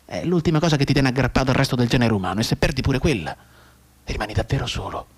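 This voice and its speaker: A man's husky, medium-pitched voice, close to how he might speak every day, carries a radio drama monologue as a maimed young soldier in despair. He sounds urgent and brooding, halting as he moves from hushed to agitated delivery.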